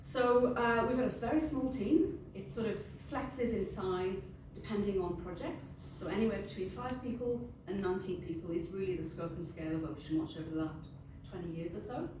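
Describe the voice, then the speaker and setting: Speaking at normal speed with hardly a pause, a middle-aged Welsh woman, a first-language Welsh speaker, talks to a group in a friendly, off-the-cuff way as an industry panelist. Her voice is mid-range. A distant mic in a very echoey room picks her up along with ambient noise.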